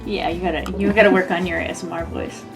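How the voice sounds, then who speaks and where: A woman co-hosting a cooking video from a home kitchen, chiming in with short, relaxed remarks. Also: on the low side, quick pace, over music. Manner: relaxed, brief chatty remarks. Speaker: cooking channel co-host. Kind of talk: casual chat while cooking.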